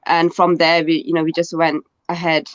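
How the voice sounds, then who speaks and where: A man's voice: a little high, completely flat delivery, moderate pace, a bit bright, clean tone, no room sound. A man who is a student interfaith officer, speaking earnestly and filling his speech with "you know". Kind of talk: casual online panel chat. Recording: muffled, dry sound.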